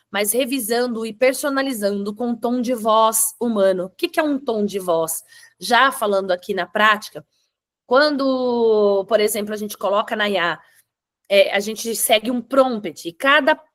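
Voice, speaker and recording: A woman hosting an online webinar, explaining step by step and checking in with her listeners. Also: on the high side. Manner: explanatory, with frequent "tá?" check-ins and restarts. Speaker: webinar host.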